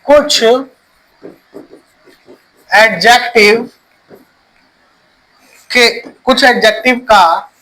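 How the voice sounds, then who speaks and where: A man's voice: extremely high pitch, extremely slow, pauses often, sharp tone, low-quality recording. A male teacher giving a classroom grammar lesson, quizzing students, repeating their answers and spelling words letter by letter.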